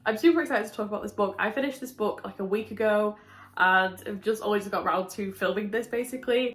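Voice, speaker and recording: A sick woman reviewing a book in casual chat, her voice muffled as if heard through a window, chatty and often laughing. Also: medium pitch. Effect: muffled, as if talking through a window. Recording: echoey room.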